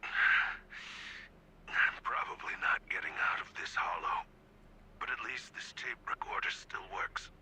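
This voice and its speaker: An actor playing a dying male agent who whispers his last words into a tape recorder, halting and hushed. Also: poor audio. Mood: weary. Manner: hushed, halting, growing fervent. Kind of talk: whispered role-play.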